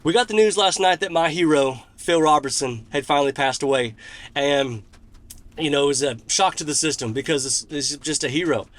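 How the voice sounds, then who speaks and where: A man's voice: a little high, fairly quick. A man telling a personal story to camera in a folksy, earnest way. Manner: earnest, folksy, animated when retelling. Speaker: country music vlogger.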